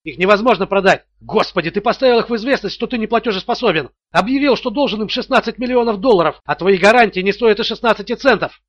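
A man voicing a panicky male finance director who yells, insults and mocks, in a muffled audiobook recording. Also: high voice, quick pace, few pauses, no echo. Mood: agitated. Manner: yelling, abusive, sarcastic.

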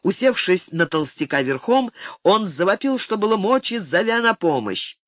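An audiobook narrator reading a novel in an expressive, dramatic way. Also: medium pitch, moderate pace, no room sound, studio quality.

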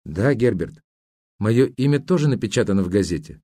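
A man's voice: fairly low pitch, expressive, normal speed, warm tone, no room sound, studio quality. A man reading the part of a hurt young woman who answers in short, subdued replies. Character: young woman, quietly hurt, turning fierce.

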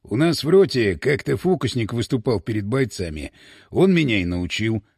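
A man voicing a cool-headed young hero, deep, slow, unhurried, innocent-sounding, storybook reading, dry close sound. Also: very animated, creaky, darkish tone, breathy edge, dry recording, exaggerated voice. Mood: calm. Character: calm cunning young man, army veteran.

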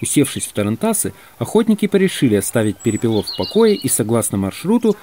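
A man reading a classic story aloud as an audiobook narrator, with an expressive, animated delivery. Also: mid-range voice, quick pace, slight background noise.

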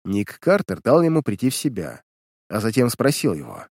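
A man's voice: on the low side, wildly swooping pitch, moderate pace, darkish tone, husky, dry recording, clean studio sound. A man reading a pulp detective story aloud as an audiobook narrator, telling it with animation.

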